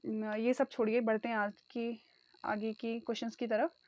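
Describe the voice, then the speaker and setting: A woman's voice: a little high, flat delivery, moderate pace, darkish tone, no echo. A woman teaching an online exam-prep lesson, calling her viewers friends and repeating the key answers.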